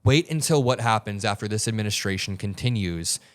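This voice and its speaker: A man's voice: lowish voice, a little fast, no room sound. A young man hosting an online news commentary show, talking in a heated, emphatic and blunt way as he breaks down video. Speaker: political commentary host.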